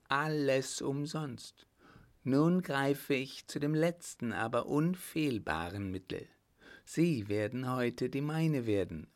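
A man's voice: mid-range voice, pitched above the performer's own voice. A man doing a sneering, cruel baron. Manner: sneering, laughing. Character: scheming baron, mocking, cruel, self-assured.

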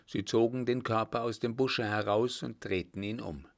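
Low-voiced man narrating an audiobook. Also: creaky. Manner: steady, measured storytelling. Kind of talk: audiobook reading of a classic adventure novel.

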